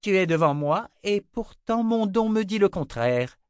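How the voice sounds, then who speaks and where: Icy audiobook sorceress, disdainful leader, read by a man, voice raised high. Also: expressive, a little slow, a little mellow, smooth, no echo, clean studio sound. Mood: intrigued. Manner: cold, scornful. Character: cold commanding woman sorceress.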